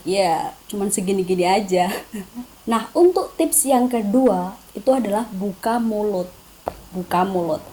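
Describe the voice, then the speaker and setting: A woman's voice: medium pitch, mellow, low-quality recording. A young woman hosting a voice-over tutorial in a casual, chatty way, with playful self-deprecating asides.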